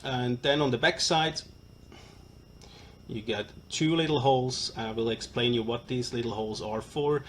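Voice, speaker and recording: A man presents a product informally on a live stream in a broad Swiss German accent. His delivery is halting and hesitant, at a medium pitch. Clear noise sits behind his voice. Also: fairly bright tone. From Switzerland. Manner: halting and hesitant, apologetic non-native English speaker.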